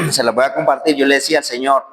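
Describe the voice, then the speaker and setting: A man preaching a sermon as pastor. He swings between loud, emphatic lines and low, soft passages, and acts out quoted voices and prayers. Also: steady tone, fast.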